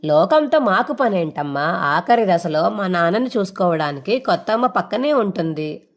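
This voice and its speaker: A woman's voice: lowish voice, animated, normal speed. A woman voicing a grown son who teases his mother in a mock-serious, dramatic way.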